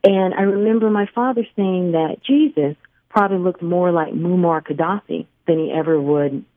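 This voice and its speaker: A woman from Barbados calls in to a radio talk show and speaks in a thoughtful, measured way. Her voice sits low for a woman. It comes through a tinny, narrow phone line. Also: no room sound. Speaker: caller.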